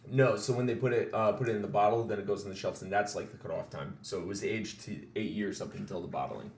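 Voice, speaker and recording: A man's voice: on the low side, fast. A man co-hosting a podcast in casual chat, rambling with many restarts. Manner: rambling, restarts and laughs often. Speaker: podcast co-host. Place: studio or room for a podcast. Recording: echoey room with faint noise.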